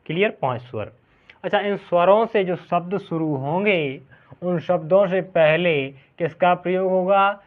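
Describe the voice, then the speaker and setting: Slow, high-voiced male teacher on a tinny line. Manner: explains slowly, keeps asking "clear?"; drawn-out example words. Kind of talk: classroom grammar lesson. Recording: tinny phone-like sound.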